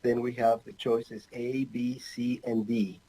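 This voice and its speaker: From a bookshelf-filled home office, an Ecuadorian anesthesiologist presents an online medical lecture in a mellow, medium-pitched voice with a level tone. He speaks haltingly, uses many fillers, and adds touches of humor. The low-quality recording carries slight background noise.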